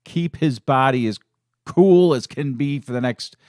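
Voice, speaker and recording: A man's voice: mid-range voice, measured pace, darkish tone, no echo, studio quality. A middle-aged man hosting a fan live stream, talking in a casual, emotional and rambling way with many restarts. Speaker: fan channel host.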